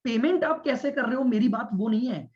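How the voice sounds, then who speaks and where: In a classroom lecture captured on a dull, lo-fi recording, a male commerce teacher with an extremely high, animated voice walks through the material step by step. He speaks deliberately, repeats his points, stresses listening, and checks whether students are keeping up.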